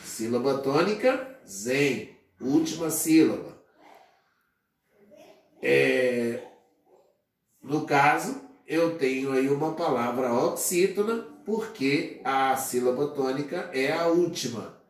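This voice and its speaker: A man with a Brazilian Portuguese accent teaching a grammar lesson, speaking deliberately, spelling out syllables and filling pauses with "é" and "né". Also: mid-range voice, lively intonation, distant mic. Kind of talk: slow classroom grammar lesson. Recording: very echoey room, voice off-mic.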